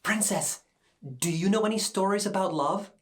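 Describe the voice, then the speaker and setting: A man voicing Buttons, an excitable, childlike character who asks eager questions. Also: high voice, normal speed, voice pushed up, close to an everyday voice.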